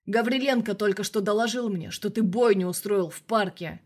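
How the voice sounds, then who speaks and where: Loud blustering older colonel on a phone; woman reader voicing him. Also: mid-range voice, moderate pace, lightly acted. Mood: gruff. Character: gruff, hot-tempered older male police colonel.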